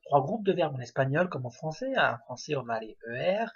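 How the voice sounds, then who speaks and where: A man's voice: a little high, sing-song, fairly quick, breathy edge. A man giving a spoken grammar lesson, explaining step by step with many hesitations and fillers. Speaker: language teacher. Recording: dull lo-fi recording.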